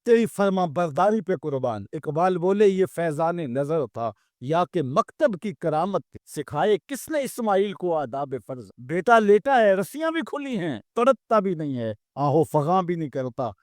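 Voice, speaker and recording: A man's voice: high voice, big pitch swings, a little mellow, dry recording. Impassioned male preacher, dry close sound. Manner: dramatic, swells and drops, chants Arabic verses slowly. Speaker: Islamic preacher. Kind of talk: impassioned storytelling sermon.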